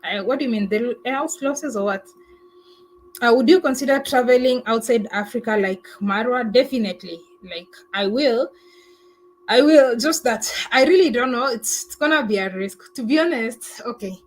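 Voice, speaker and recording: A woman's voice: on the high side, moderate pace, rough recording. A woman travel vlogger chatting casually on a livestream, thanking viewers and answering their comments. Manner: chatty, thankful, laughs often, many fillers.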